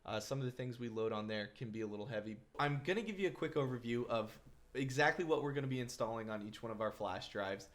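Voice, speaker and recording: A man's voice: medium pitch, animated, fast. A man narrating a casual step-by-step computer tutorial, chatty and reassuring, with frequent ums and uhs as he rambles through the steps. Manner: reassuring, careful about disclaimers. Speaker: tech tutorial presenter.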